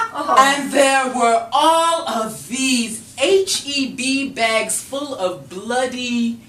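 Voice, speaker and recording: A woman telling a comic story live, laughing through it and going shrill when she quotes herself. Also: sing-song, drawn-out words. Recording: roomy, distant mic with noise.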